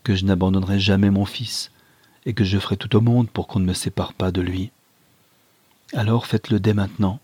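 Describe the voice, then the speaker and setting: A proud young mother pleads earnestly with the man she loves, as read by a man. The voice sits low and slightly husky. The recording is close and dry. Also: normal speed, a little mellow, no room sound. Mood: firm.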